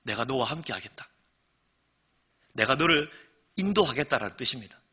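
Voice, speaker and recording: Animated preaching man, husky lo-fi. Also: mid-range voice, moderate pace. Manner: animated preaching that swings from hushed to emphatic. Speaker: pastor. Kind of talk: sermon. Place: church sanctuary.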